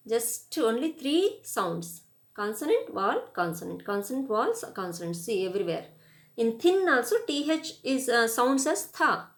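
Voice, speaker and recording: A woman with an Indian English accent giving a grammar lesson, spelling words out letter by letter and reading word lists. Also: a little high. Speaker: English teacher. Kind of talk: classroom grammar lecture.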